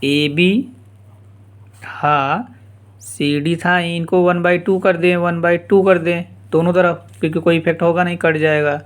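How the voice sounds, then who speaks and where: A man teaching a geometry lesson informally, repeating steps slowly and dropping casual asides. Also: a little high, little pitch movement. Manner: slow, repetitive explaining with casual asides. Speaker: math teacher.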